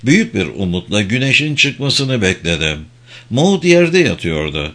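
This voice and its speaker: Male narrator reading a novel, mid voice, pitch moves around a lot, measured and expressive.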